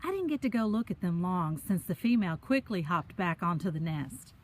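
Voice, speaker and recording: This woman reads a picture book to children outside on a park trail, her rather low voice brisk and full of big pitch swings. Along the way she talks directly to the young listeners in simple, encouraging, chatty asides.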